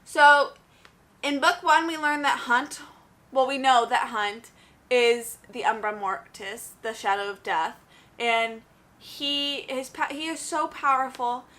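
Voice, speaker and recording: A woman's voice: high voice, fairly even intonation, slow pace, bright, forceful tone. A young woman chatting casually about books in a review vlog, gushing and full of "like"s. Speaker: book reviewer.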